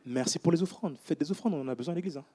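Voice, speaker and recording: This preacher, a man in his thirties, has a husky, fairly high voice and rattles along at rapid-fire speed. Addressing his congregation in church, he tells animated stories broken up by casual asides.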